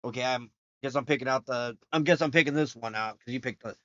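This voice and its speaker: A man's voice: medium pitch, fast, no room sound, lo-fi sound. A man hosting a casual gaming live stream, talking loosely and swearing at the games as he plays. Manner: loud excited outbursts, cursing. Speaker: streamer host.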